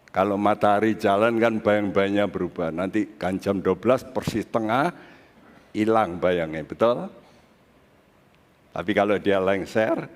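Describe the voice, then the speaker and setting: In a church sanctuary, a pastor with a lowish voice preaches a sermon conversationally, speaking straight to his congregation. His voice trails off into a long reverb tail.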